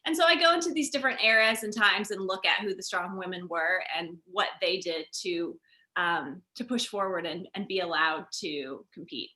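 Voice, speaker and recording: Bright-voiced woman guest explaining history. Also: lowish voice, moderate pace. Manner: animated, explanatory, with frequent fillers. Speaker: author and guest. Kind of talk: conversational interview.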